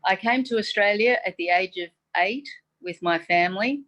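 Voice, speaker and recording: A chief medical advisor from Taiwan, a native Mandarin Chinese speaker, reads her prepared forum remarks formally and deliberately, dropping in many "um"s. Heard via video call, the audio is dull, while her medium-pitched voice carries a fairly bright tone.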